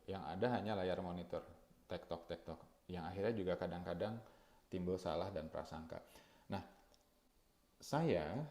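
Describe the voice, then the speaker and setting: A man speaking at a webinar in a conversational way, often adding filler tags and slowing down to stress key words. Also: low voice, dark tone. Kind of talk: webinar talk. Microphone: webinar mic. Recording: echoey room.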